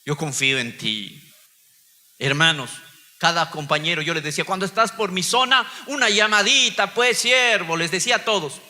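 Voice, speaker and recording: Pastor guy preaching his testimony, high piercing voice, long church echo. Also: animated, normal speed, bright, forceful tone. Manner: impassioned preaching, voice swelling and dropping. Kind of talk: sermon testimony.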